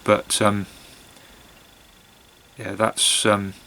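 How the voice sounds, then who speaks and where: A man chatting casually on his own in a hesitant, musing way, with long pauses and trailing phrases. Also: on the low side, completely flat delivery, vocal fry, pushed and bright. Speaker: pipe-smoking vlogger. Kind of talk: casual monologue to camera.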